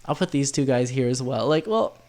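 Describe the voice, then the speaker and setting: A man with a nasal, stuffed-up voice from being sick, chatting casually through a tier list in a rambling, excitable way. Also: medium pitch, brisk. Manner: rambling, filler-heavy, easily excited. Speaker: video host.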